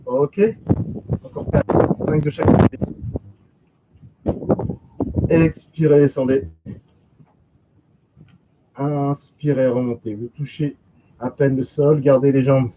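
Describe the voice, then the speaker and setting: A man teaching a pilates class, giving steady step-by-step commands, counting reps and repeating cues slowly. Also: medium pitch. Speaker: pilates instructor. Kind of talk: guided exercise class instruction. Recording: loud background noise.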